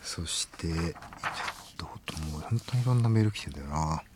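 A middle-aged man hosting a late-night radio show, excitable, jumping between loud exclamations and low muttered asides, on a close studio mic. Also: fairly quick, a little hiss or hum.

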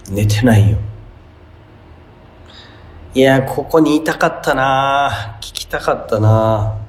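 A man's voice: on the low side, a little mellow. A man with a Kansai accent hosting a casual radio show, reading listener letters aloud and answering them with amused, playful retorts.

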